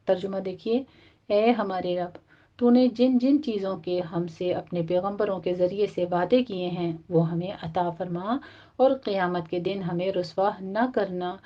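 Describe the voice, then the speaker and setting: A woman's voice: lowish voice, fairly even intonation. Woman teaching Quran recitation, muffled audio. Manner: explains step by step, then recites slowly in a drawn-out chant. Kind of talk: tajweed lesson, explaining rules and reciting verses.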